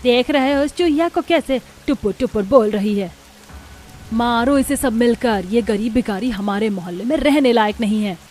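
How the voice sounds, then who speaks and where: A woman's voice: high voice, lively intonation, normal speed, hardly any pauses, a little mellow, soft background music. A woman voicing a spiteful, gossiping neighbor woman who taunts shrilly.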